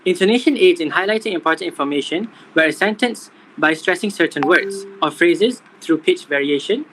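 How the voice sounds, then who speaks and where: A young man reading out a scripted class presentation in a steady manner. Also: fairly high pitch, fairly quick, a little hiss or hum, rough recording. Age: young adult. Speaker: student presenter.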